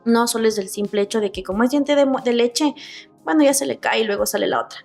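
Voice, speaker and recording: A woman's voice: a little high, fast, creaky, darkish tone, faint music behind. A young adult woman, a dentist explaining her work earnestly, step by step, in a casual interview. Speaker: dentist guest.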